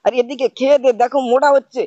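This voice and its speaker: A gaming host with a high, flat voice races through playful commentary, playing a scolding uncle who keeps asking "bujhchhis?" to check he's understood. His tone is dark, and the recording is dry and dull.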